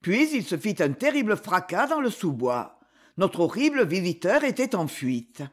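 A man narrating an adventure novel as an audiobook, in a measured, dramatic storytelling manner. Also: high-pitched, very animated.

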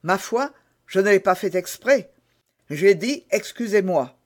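A man's voice: sits high, expressive, measured pace, darkish tone. A man voicing an impatient, defiant young swordsman in a hurry, in an audiobook reading. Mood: hurried. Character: hot-headed young male swordsman in a hurry. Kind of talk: audiobook character voice.

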